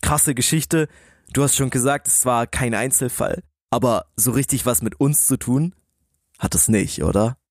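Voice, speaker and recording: A male podcast co-host tells stories conversationally in a dry recording with almost no room sound. His pitch sits in the middle of the male range. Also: moderate pace, no room sound.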